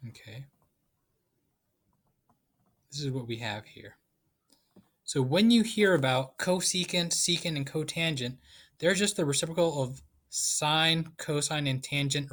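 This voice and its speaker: A man's voice: fairly high pitch, fairly bright tone. A man teaching a math lesson in a casual, playful way with joking asides. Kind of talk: casual lecture.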